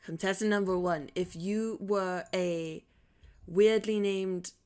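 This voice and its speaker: A woman's voice: mid-range voice, steady tone, slow, darkish tone, clear, resonant tone. A woman playing an improv game-show round, asking the contestants playful questions.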